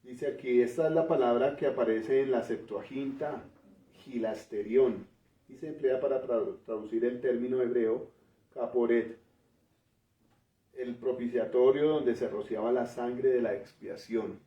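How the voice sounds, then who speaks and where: A man preaching a teaching sermon, explaining word meanings in a measured way and often ending phrases with a questioning tag. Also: medium pitch, fairly even intonation, dark tone. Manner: pauses and restarts while working through word meanings. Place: church. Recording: roomy, distant, dull church recording.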